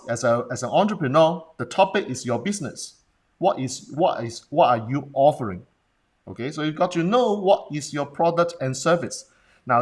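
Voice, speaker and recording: A man with a Hong Kong accent coaching viewers on a livestream in a blunt manner, often putting questions to them and checking in. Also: fairly high pitch. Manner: rhetorical questions and check-ins with the audience. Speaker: business presentation coach. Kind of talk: Facebook Live talk, coaching viewers.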